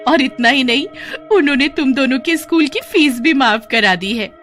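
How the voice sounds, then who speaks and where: Warm cartoon mum, voiced by a woman, gentle, encouraging, a bit higher than usual. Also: moderate pace, soft background music. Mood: joyful. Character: poor, loving, hopeful working mother.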